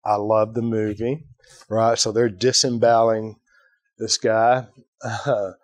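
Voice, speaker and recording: Casting: male podcast host, lowish voice, chatty storyteller, dry close sound. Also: little pitch movement, takes it slowly, dry recording. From Ireland. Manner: storytelling, acts out quoted voices, fillers like "right?". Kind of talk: casual conversation.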